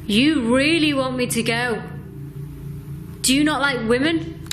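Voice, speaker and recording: A woman investigating the paranormal, slowly and deliberately questioning an unseen spirit during a ghost-hunting vigil. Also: sits high, noisy background.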